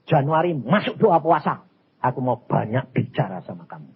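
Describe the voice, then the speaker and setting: An elderly man with a Javanese accent voicing God as a calm, solemn male figure, speaking low and measured. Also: slightly rough, heavily acted. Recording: tinny phone-like recording.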